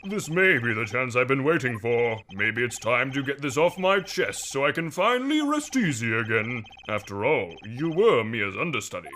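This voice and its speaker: Man acting a blustery old gentleman, bright voice. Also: mid-range voice, very animated, normal speed, hardly any pauses, a little hiss or hum, rough recording. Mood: grave, burdened. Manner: blustering, old-fashioned, theatrical. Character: flustered, guilt-burdened elderly gentleman lawyer. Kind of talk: overacted amateur game fandub.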